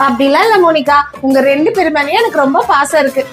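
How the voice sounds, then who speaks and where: A woman plays a doting mother in a homemade family comedy sketch. Her voice sits very high as she coaxes her little son and scolds her older daughter in an even, patient way. Soft music plays faintly in the background. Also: fast. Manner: coaxing and gently scolding. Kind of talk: scripted family comedy skit.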